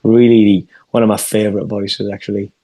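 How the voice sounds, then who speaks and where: A young singer-songwriter from England chats casually in a video-call interview, often restarting his sentences. His voice is fairly low, warm and level at a normal speed, recorded dry.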